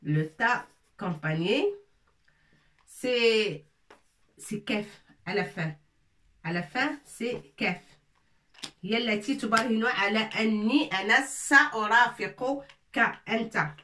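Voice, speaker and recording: A woman teaching a lesson in French, slowly drilling syllables as she writes on a board. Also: a little high, sharp tone. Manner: slow, repetitive, drilling syllables. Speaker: Arabic teacher. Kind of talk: casual classroom lesson, writing on a board. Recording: echoey room, mic at a distance.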